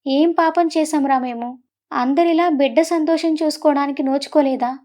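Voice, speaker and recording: Audiobook mother: middle-aged, tearful and pleading, high voice, read by a woman narrator. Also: fairly even intonation, normal speed, darkish tone, lightly acted.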